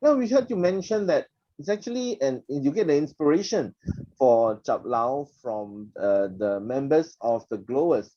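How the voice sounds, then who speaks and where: A man moderating a panel discussion, introducing speakers and inviting them to share in a lively, encouraging way. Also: mid-range voice, moderate pace, muffled recording.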